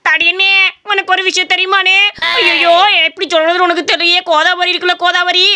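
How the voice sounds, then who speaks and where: A woman's voice: very high voice, level tone, fairly quick, sharp tone, heavily acted. A woman voicing a mischievous prankster boy in a cartoon story. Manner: mischievous, teasing. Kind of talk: cartoon voice acting.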